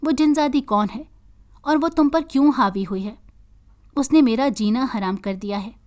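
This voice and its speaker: A woman's voice: sits high, moderate pace, a little mellow, natural voice. A woman voicing an anxious young husband haunted by a jinn, in a read-aloud storybook.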